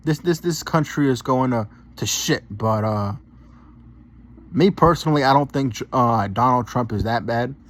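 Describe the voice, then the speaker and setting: A man's voice: medium pitch, unhurried. A man giving a casual reaction commentary, rambling and repeating himself, often ending phrases with "man" and swearing. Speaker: gaming channel commentator.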